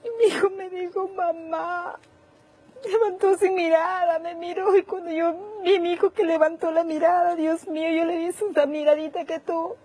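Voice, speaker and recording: A woman with a high voice gives emotional testimony in a television interview. She is distraught, circles back over the same words, and her voice keeps cracking into tears. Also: flat delivery, a little fast, hardly any pauses, warm tone, poor audio. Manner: distraught, repeating herself, voice breaking into tears. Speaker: interviewee, a mother.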